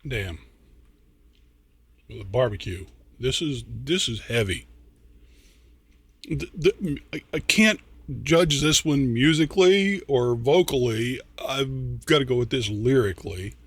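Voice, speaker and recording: An older man hosting a reaction video, talking casually in a rambling, halting way with some swearing, a little tipsy and slurring. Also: medium pitch, expressive, fairly bright tone, husky, no echo.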